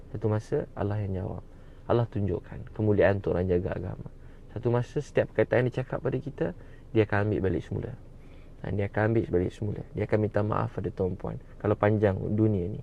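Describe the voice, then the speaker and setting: A man's voice: on the low side, gravelly. A Malaysian man preaching a sermon in a fervent, repetitive way, often addressing the audience directly. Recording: dull lo-fi recording with faint background noise.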